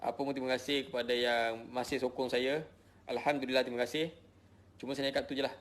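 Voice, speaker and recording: A middle-aged Malaysian man with a Malaysian Malay accent, a social media personality, casually explains himself to his followers, tired, emotional, and defensive as he repeats his points. His mid-range voice is flat, quick, and a bit bright, with a little hiss or hum in the recording.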